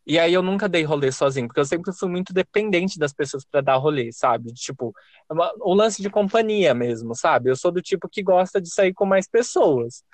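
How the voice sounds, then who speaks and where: Brief: young Brazilian male podcast host, high voice, dry close sound, animated and profane storyteller. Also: moderate pace, dry recording. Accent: Brazilian Portuguese. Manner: lively, profane, self-mocking. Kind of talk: casual storytelling.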